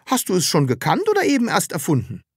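A woman's voice: on the low side, huge pitch swings, quick pace, slightly rough, no echo, clean studio sound, voice pushed up, heavily acted. A woman voicing a timid, earnest grown man in an audiobook, talking in a way that is easily flustered. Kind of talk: audiobook character reading.

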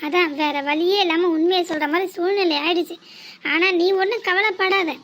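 A woman's voice: very high-pitched, steady tone, normal speed, fairly bright tone, a little hiss or hum. A woman voicing a cold, scheming mother in a cartoon who boasts and threatens. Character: scheming wealthy mother plotting against a rival girl.

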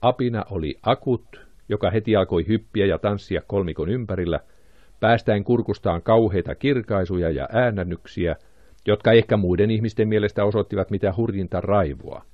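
Guy reading an audiobook, lowish voice, kinda muffled lo-fi sound. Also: no echo. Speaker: audiobook narrator. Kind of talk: audiobook narration.

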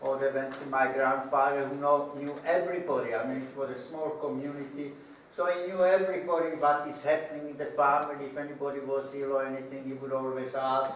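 An older man from Slovakia gives a public lecture as a guest speaker in an echoey school hall, halting often with filler pauses. His voice is medium-pitched with little pitch movement. A stand mic was recorded from a far camera, so the sound is distant with slight background noise.

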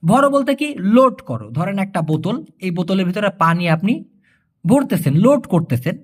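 A man teaching in a casual video lesson, explaining each word slowly and repeating phrases, with the odd joke to the viewer. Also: sits high, very animated. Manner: jokes with the viewer. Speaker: language teacher.

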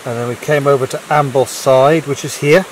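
A man's voice: mid-range voice, steady tone, brisk, slight background noise. A middle-aged man chatting casually outdoors in the hills, explaining a route in an easygoing way. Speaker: walking companion. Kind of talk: casual chat. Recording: distant outdoor camera audio.

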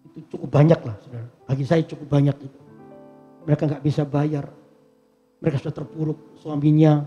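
A man's voice: fairly high pitch, level tone, a little fast, mellow, muffled recording, faint music behind. A man preaching a sermon as a pastor, telling stories and speaking directly to the congregation. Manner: storytelling, addresses the congregation directly. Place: church service before a congregation.

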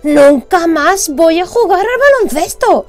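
A woman voicing a young boy throwing a tantrum, yelling in a whiny, shrill way. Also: expressive, a little slow, soft background music. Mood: angry shouting.

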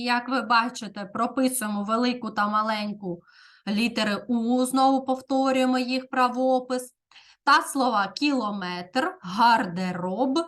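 A woman teacher giving a grammar lesson to fourth graders, dictating slowly and enunciating each word clearly. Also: a little high, a bit bright. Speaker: primary school teacher.

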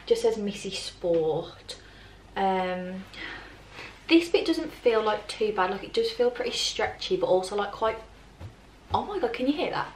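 Speaking a little slowly but expressively in a mid-range voice, a British woman in her twenties talks through a casual clothing try-on, full of fillers and a constant "like". The fashion vlogger is filmed in a plain grey bedroom by a camera mic across the room, giving a distant, slightly off-mic sound with roomy echo, faint ambience, and slight background noise.

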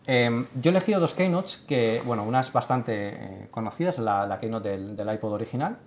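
A man's voice: medium pitch, expressive, fairly quick, slight background noise. A man in his thirties in a casual studio panel chat, talking emphatically with many fillers and restarts. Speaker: tech site writer leading the segment. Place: studio set with sofa.

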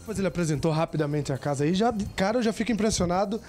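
Brisk, high-pitched male TV sports presenter with a teasing manner. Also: darkish tone. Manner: teasing, upbeat. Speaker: sports TV reporter. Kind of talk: lively sports feature presenting.

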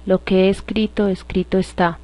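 Brief: Roman governor, man, questioning, voiced by a woman reader, monotone. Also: mid-range voice, normal speed, dry recording, natural voice. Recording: dull lo-fi dry recording.

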